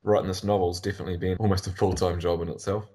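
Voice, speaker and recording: Low, husky man in quick chat. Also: little pitch movement, dark tone. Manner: friendly, laughs easily. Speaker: novelist guest. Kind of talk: casual chat.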